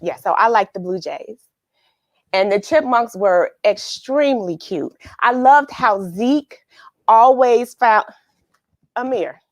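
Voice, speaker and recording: Her voice fairly high and animated, a woman talks slowly while hosting a home children's read-along. After the story, she chats casually and expressively to the young viewers, musing aloud as she goes, with no echo in the recording.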